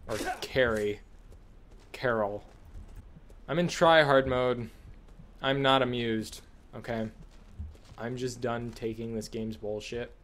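A man with a mid-pitched voice commentates casually on his own horror game playthrough. He gripes and swears in exasperation. There is some noise and clicking in the recording. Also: steady tone, slow, long pauses, fairly bright tone. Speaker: gamer commentating on own play.

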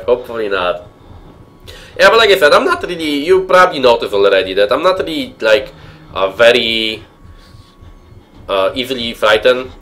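Medium in pitch and slightly bright, the voice belongs to a young Polish-accented man playing a horror game on stream at home. He banters with viewers while muttering nervously to himself.

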